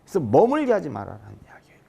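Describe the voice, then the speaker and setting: Lively, questioning male Buddhist lecturer. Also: rapid-fire, vocal fry, slightly rough. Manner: keeps asking the listeners rhetorical questions; sharp swings between loud high emphasis and soft low drops. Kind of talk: dharma lecture to an audience.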